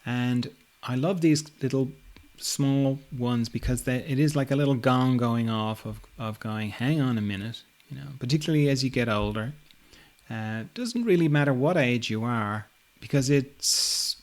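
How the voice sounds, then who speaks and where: A middle-aged man hosting a reflective podcast, speaking at an ordinary pitch for a man. His talk is relaxed and musing, loosely strung together with "you know" and gentle laughs. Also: moderate pace. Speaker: podcast host.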